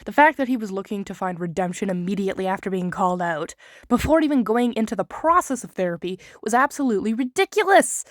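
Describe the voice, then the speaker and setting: A woman's voice: medium pitch, no room sound, clean studio sound. A woman hosting a commentary channel, narrating in a blunt, scornful way.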